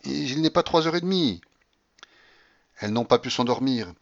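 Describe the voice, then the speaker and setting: Hurried, deferential old manservant, read by a man; muffled recording. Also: medium pitch, expressive, gravelly, voice pushed up. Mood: urgent. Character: fussy old male servant.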